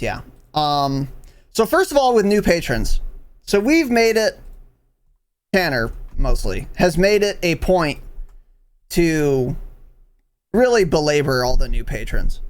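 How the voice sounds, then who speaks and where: A young man hosts a casual podcast, his voice sitting a little high and swinging widely in pitch. He talks with profane, mock-exasperated humor. The sound is dry and close. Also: dry recording. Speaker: podcast co-host.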